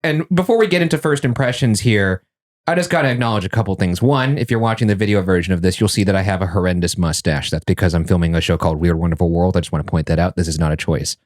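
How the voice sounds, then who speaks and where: A man hosting a podcast from an indoor studio, his voice sitting a little low. He talks casually, with jokey, self-mocking asides. The energy stays loose and animated. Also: fast talker. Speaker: podcast host.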